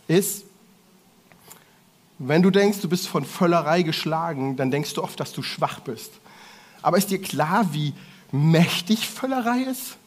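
A man preaching to a congregation in a lively way, talking directly to the audience with playful asides. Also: a little high. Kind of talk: sermon to a congregation.

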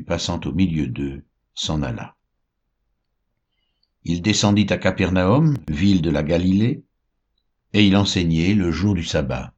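A man reading scripture aloud in a slow, measured way. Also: low voice, breathy edge. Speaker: Bible reader. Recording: dull lo-fi recording.

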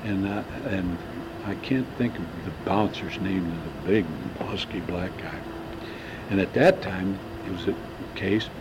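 Heard through loud tape hiss, a low-voiced man in his seventies talks unhurriedly about the past for an oral-history interview. He is seated indoors in a large banquet room, and the conversation is casual and rambling, with frequent stalls as he searches for names.

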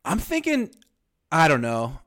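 A man's voice: a little high, huge pitch swings, measured pace, fairly bright tone. A man in his thirties co-hosting a casual sports talk show, emphatic and wry, often slipping into mock quotes. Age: 30s. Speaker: podcast co-host.

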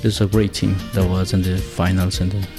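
Gravelly low-voiced Ecuadorian man. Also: little pitch movement, loud music behind the voice. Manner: halting, searching for words, second-language English. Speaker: guest, builder and former chef. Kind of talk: conversational interview.

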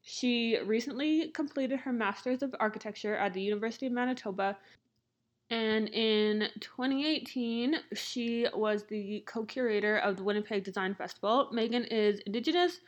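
A woman's voice: on the high side, normal speed. Lisping woman podcast host with a sore jaw. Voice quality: slight lisp from a piece of plastic in the mouth. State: sore jaw, recovering from jaw surgery, talking with difficulty. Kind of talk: scripted podcast introduction.

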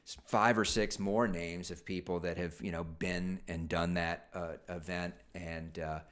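Deep-voiced man, rambling podcast chat. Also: flat delivery, measured pace, fairly bright tone. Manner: rambling, many fillers and restarts. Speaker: podcast co-host. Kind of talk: casual chat.

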